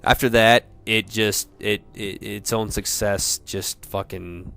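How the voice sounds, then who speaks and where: A man in a profane off-the-cuff gamer rant, sounding drunk, rambling haltingly and repeating himself. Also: lowish voice, fairly even intonation, vocal fry, sharp tone. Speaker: gamer ranting about video games.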